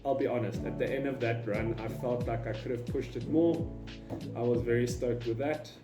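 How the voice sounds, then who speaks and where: A man's voice: medium pitch, steady tone, moderate pace. A man giving an informal vlog explanation in an opinionated, emphatic way. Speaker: running vlogger. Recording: roomy echo, faint music behind.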